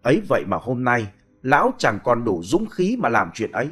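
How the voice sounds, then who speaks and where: A man reading a ghost story aloud in a dramatic, expressive way. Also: mid-range voice, moderate pace, slightly rough, faint music behind. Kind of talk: scripted storytelling.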